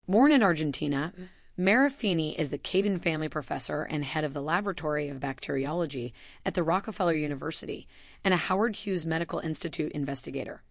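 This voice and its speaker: Low, dry-voiced woman reading a formal announcement. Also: vocal fry, no echo. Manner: measured, formal delivery with slow stressed names. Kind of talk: scripted announcement narration.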